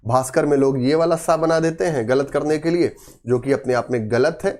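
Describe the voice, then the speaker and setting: A man's voice: a little high, normal speed, darkish tone. A man teaching a grammar lesson for exam students, quizzing his class and answering himself, repeating key words with emphasis.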